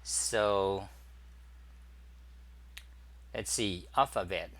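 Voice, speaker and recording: Halting man with a bright voice. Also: low voice. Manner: halting, many fillers and restarts. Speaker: talk show host. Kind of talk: casual screen-share livestream.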